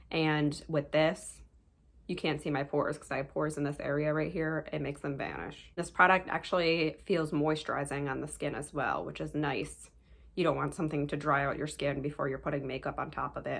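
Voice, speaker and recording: Low gravelly-voiced woman beauty vlogger. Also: a bit bright. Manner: chatty, recommending products to viewers. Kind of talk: casual product review.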